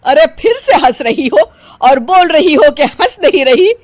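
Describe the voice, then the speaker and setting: A woman's voice: medium pitch, lively intonation, unhurried, darkish tone, no room sound. A woman voicing a stern older mother-in-law in a cartoon story who scolds in a raised voice. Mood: scolding.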